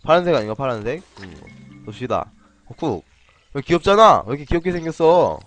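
A playful man chats his way through a game on a live stream, often clearing his throat between lines. His pitch swings up and down as he talks. Faint game music plays underneath. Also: sing-song, fairly quick, fairly bright tone. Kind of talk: casual live-stream commentary.

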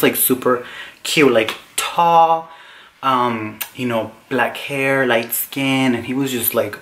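Animated young man telling a story. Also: mid-range voice, slight background noise. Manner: animated and dramatic, with squealing exclamations. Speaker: vlogger. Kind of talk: casual storytelling.

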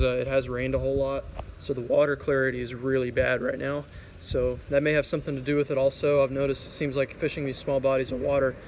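A fishing vlogger in his twenties with a mid-range voice films himself on a phone held at arm's length, beside a creek under a highway overpass. Relaxed and rambling, he talks casually with many fillers as traffic and outdoor ambience play behind him.

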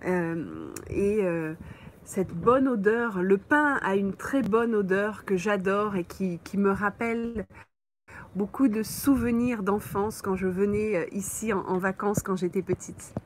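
A woman teaching French on a live stream, slowly answering viewers' comments with frequent pauses and fillers, from a holiday mobile home. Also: mid-range voice, slight background noise. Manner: slow, patient, thinks aloud with many fillers.

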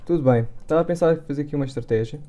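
A man's voice: on the high side, racing, warm tone, highs cut off. A man with a European Portuguese accent commentating his own Minecraft gameplay, muttering and repeating words under his breath as he plays. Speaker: gaming YouTuber.

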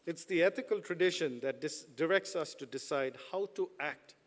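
Speaking through podium microphones in a large hall, a middle-aged man serving as a business school dean gives a commencement address. He jokes around and tosses playful asides to the audience as he goes. His voice is on the high side, with a moderate pace.

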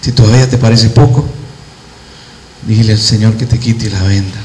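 A male pastor preaching a sermon, quoting scripture and telling personal stories, slowing down and speeding up as he goes. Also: lowish voice, fairly even intonation, a little mellow, slight background noise. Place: church hall. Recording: echoey church hall.

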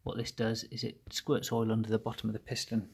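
A man's voice: fairly low pitch, completely flat delivery, a little fast, creaky, darkish tone, a little hiss or hum. A man narrating a workshop how-to, explaining each step plainly while he works at a bench. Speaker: engine rebuilder.

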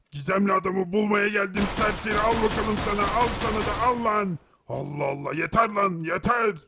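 A man voicing a tough, short-tempered ghostly creature in a cartoon who grumbles and shouts threats in fights. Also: on the high side, gravelly. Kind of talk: animated cartoon voice acting.

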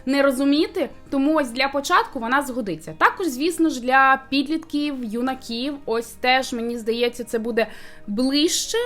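A woman in casual chat, reviewing a manga and explaining her points with a steady flow of fillers. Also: high voice, normal speed, soft background music. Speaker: booktuber co-host reviewing manga.

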